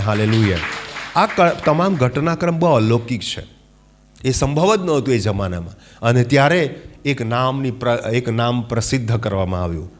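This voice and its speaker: A male preacher delivering a fervent sermon. He keeps asking his listeners questions and calling for claps and hallelujahs, dropping to a hush and then rising loud again. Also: medium pitch. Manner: calls for claps and hallelujahs, asks the congregation questions; dramatic swings from hushed to loud.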